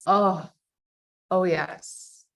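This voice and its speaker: Young woman, nutrition coach running a webinar; warm, affirming, chatty; lowish voice, dry close mic. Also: fairly even intonation, extremely slow, creaky, no room sound. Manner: warm, encouraging, affirming, casual filler words. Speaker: nutrition coach teaching an online master class. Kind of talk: live webinar teaching, reading chat comments.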